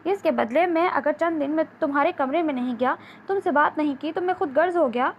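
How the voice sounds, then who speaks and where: Brief: curt stern husband, read by a high-voiced woman narrator, lo-fi audiobook with faint hiss. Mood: defensive. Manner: curt, lecturing delivery. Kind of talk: audiobook novel reading.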